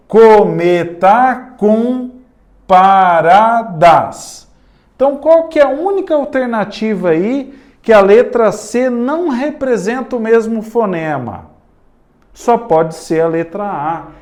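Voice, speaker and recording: A man with a Brazilian Portuguese accent teaches an exam-prep grammar class in a fairly high voice. He talks at an unhurried pace and keeps checking in with his students. He stretches words out slowly, syllable by syllable. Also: warm tone.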